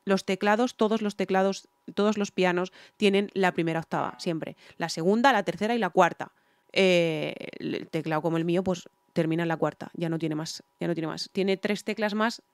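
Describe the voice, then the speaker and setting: A woman's voice: fairly low pitch, normal speed, dry recording. Emphatic woman. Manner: repetitive, emphatic, repeats phrases for stress. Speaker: singer reviewing songs. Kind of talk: casual reaction and vocal analysis. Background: faint music from the reacted song.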